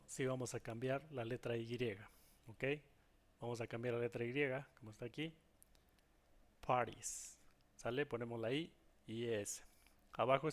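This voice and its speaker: Patient man teaching English grammar. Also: medium pitch. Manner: patient, checks in with students often. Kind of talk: recorded lesson explaining grammar.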